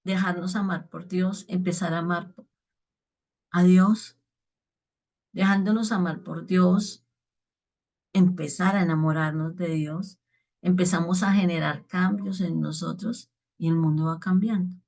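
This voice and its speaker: A woman's voice: lowish voice, steady tone, unhurried, darkish tone. A woman preacher giving an earnest spoken reflection on the daily gospel, often checking in with her listeners.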